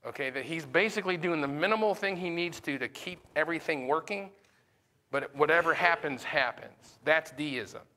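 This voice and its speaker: Pastor, man, Sunday school teacher; conversational, peppers the room with questions; forceful tone. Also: fairly high pitch, moderate pace. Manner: questions the class often; conversational, with fillers.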